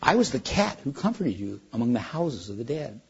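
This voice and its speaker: A man voicing a vast, calm male lion who speaks slowly and solemnly in a storybook reading. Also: medium pitch, vocal fry, slightly rough, heavily acted. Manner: slow, solemn and gentle. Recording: dull lo-fi recording.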